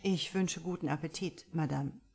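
A woman's voice: sits low, normal speed, gravelly, a little mellow, husky, exaggerated voice. A woman reading an audiobook, voicing a formal, courteous male waiter. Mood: polite.

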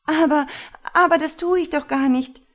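A woman's voice: a little high, fairly even intonation, unhurried, a little mellow, husky, voice pushed up. A woman reading an audiobook, voicing a frightened young woman who pleads and stammers. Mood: pleading.

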